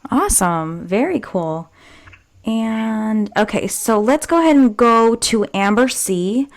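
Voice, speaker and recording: A woman's voice: fairly high pitch, animated, slow pace. A woman casually hosting a question-and-answer session, reading out questions from the audience.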